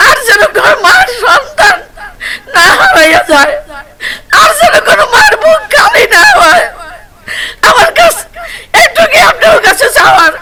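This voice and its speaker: A woman's voice: extremely high pitch, very animated, moderate pace, pauses often, a crowd in the background, low-quality recording. A middle-aged woman with a Bangladeshi accent crying out in grief as she makes an emotional, pleading public appeal, repeating herself. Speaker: bereaved mother giving testimony.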